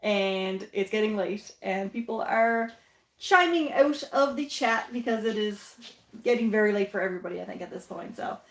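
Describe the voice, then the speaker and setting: A woman's voice: medium pitch, lively intonation, moderate pace, fairly bright tone. A woman hosting a casual livestream, chatty and often laughing, talking from a home basement. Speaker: livestream host. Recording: roomy echoey room.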